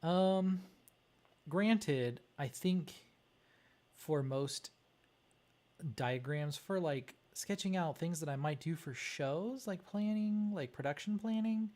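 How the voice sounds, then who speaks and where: In a slow, mellow, medium-pitched voice, a livestream host chats casually and mutters hesitantly while reasoning aloud through a wiring diagram task.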